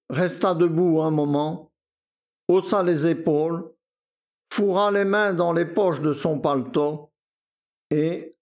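Male audiobook narrator, fairly high voice, slow, measured delivery. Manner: measured, deliberate reading.

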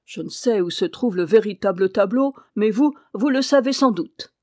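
Storybook reading: woman voicing a mocking old wise man, loud and pointed, dry close sound. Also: medium pitch, lively intonation, normal speed, no echo, natural voice. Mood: accusing. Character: sly old male wandering sage, mocking and bold.

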